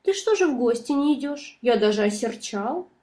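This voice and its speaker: A woman voicing a small, clever, boastful male mouse with a squeaky, cheeky voice in a storybook reading. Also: expressive, normal speed, a little mellow, natural voice.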